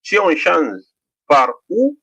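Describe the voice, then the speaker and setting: Man with Guinean French accent, teacher, very slow, lively pitch, repeats each sound. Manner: checks in with "d'accord?". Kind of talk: literacy lesson on syllables.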